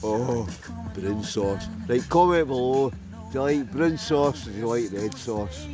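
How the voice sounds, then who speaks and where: Over music and the sizzle of food, a Scottish man cheerily narrates a night of campfire cooking for his viewers in a relaxed camping vlog. His mid-range voice has lively intonation and a measured pace, recorded outdoors by the fire.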